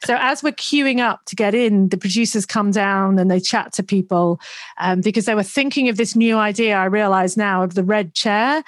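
A woman tells stories in a candid, chatty way as a guest on an interview podcast, often breaking into laughter. Her voice sits at an ordinary middle pitch. The recording is close and dry, with no room sound. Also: normal speed, no room sound. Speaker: podcast guest, business coach. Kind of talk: casual conversational interview.

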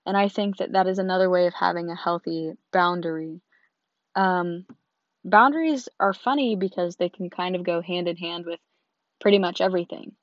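A young woman talks in a hoarse voice that has gone low and husky from losing it. She sounds chatty and sincere, and she wanders a bit as she goes. The recording is dull and dry. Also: fairly even intonation, normal speed, no room sound. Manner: chatty, earnest, rambling. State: hoarse, lost voice. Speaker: host. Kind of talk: casual talk to camera.

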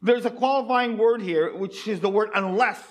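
A man's voice: sits high, normal speed. A man preaching a sermon, earnest and pleading, often asking his listeners rhetorical questions.

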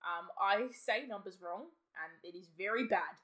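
A woman's voice: mid-range voice, normal speed, pushed and bright. A woman, co-hosting a podcast in bubbly, jokey chat and swearing freely. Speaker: podcast co-host. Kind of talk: casual chat.

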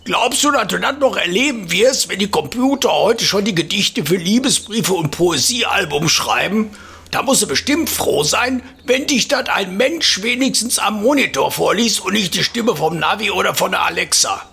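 Casting: male performer as chatty old Ruhr grandpa, rambling stories, bright gravelly delivery, folksy podcast comedy. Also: high-pitched, animated, normal speed, voice pushed up, full character voice. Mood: rambling, nostalgic. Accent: Ruhr area German. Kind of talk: comic storytelling in a podcast.

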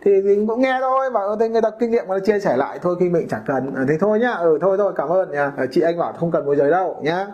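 High-voiced man in a casual podcast talk. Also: racing, few pauses, darkish tone, lo-fi sound. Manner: colloquial, acts out homeowners and brokers in quoted voices. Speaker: podcast host, real estate broker.

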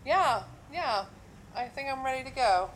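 A woman's voice: sits high, animated, measured pace, slight background noise, poor audio. A woman playing a wary young woman passenger in an amateur radio drama, soothing and hesitant. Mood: polite. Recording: music playing underneath.

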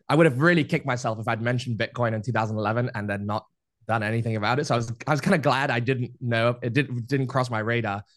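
A man in his thirties, a podcast guest, telling his life story in a relaxed, rambling way with many fillers. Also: medium pitch, no room sound, clean studio sound. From Spain. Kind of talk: casual interview storytelling.

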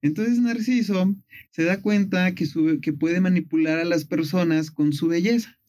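A man casually retelling a myth on a talk show. His voice sits a bit high, and he tells the story playfully, with plenty of fillers. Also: normal speed, darkish tone.

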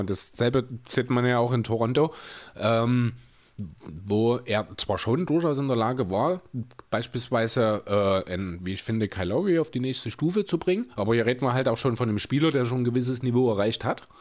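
A man with an average-pitched voice co-hosts a casual chat podcast. He weighs each point carefully and analytically, often with a chuckle. He is recorded indoors in a room with closed windows. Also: lively intonation, normal speed, darkish tone. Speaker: podcast co-host.

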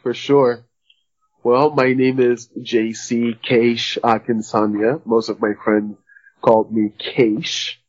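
A man from Liberia, a guest author, telling his story in a relaxed, reflective way over the phone. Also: mid-range voice, slow. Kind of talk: phone interview. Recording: dull phone line.

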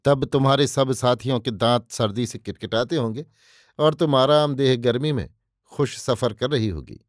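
A man's voice: mid-range voice, normal speed, no room sound, studio quality, lightly acted. A man voicing a cruel, commanding king in a narrated story, speaking in an imperious, indulgent way. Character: cruel, commanding middle-aged male king.

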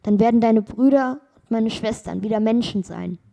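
A woman's voice: fairly high pitch, normal speed, vocal fry, dark tone, a little hiss or hum. Woman reading as a pleading young bride.

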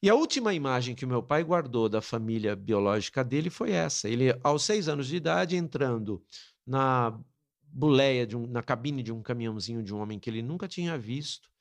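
A middle-aged man from Brazil, interviewed as a guest, tells a painful family story with earnest, dramatic emotion. His pitch moves widely and expressively as he speaks, sitting at an ordinary middle height. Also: expressive, a little fast, vocal fry. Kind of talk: personal storytelling.

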